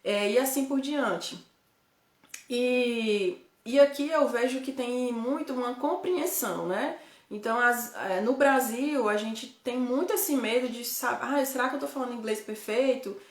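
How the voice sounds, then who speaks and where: A woman's voice: high-pitched, reverberant. A woman from Ceará, Brazil, with a Northeastern Brazilian accent, talking casually to viewers as a host, often tagging her sentences with questions and correcting herself as she goes. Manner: chatty, frequent tag questions, self-correcting. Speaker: host, guide living abroad. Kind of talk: casual live chat to viewers.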